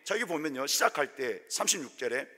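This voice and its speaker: A man preaching a sermon as a pastor, telling a story with animated delivery and acting out the scenes. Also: on the high side, a little fast, husky. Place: church sanctuary. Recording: echoey church hall.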